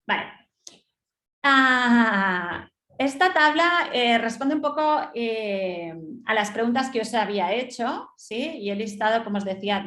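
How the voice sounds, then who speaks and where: A woman lectures in a webinar at a middle pitch, laying out her points one by one. She often checks in with her listeners with a quick question. Her voice carries a clear echo from the room around her. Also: a bit bright, a little hiss or hum. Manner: explains step by step, checks in with rhetorical "¿sí?". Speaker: teacher leading a webinar. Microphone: webinar computer mic.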